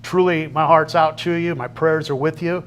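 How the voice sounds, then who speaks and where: A man talking as a guest on a talk show, earnest and folksy, often pausing mid-thought. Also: on the high side, fairly even intonation, slight background noise. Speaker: guest, outreach coordinator. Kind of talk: casual interview chat.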